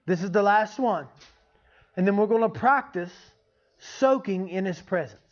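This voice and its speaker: A man's voice: high-pitched, expressive, a little slow. A man giving an informal, folksy teaching sermon as a preacher, often checking in with his listeners. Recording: dull, lo-fi sound.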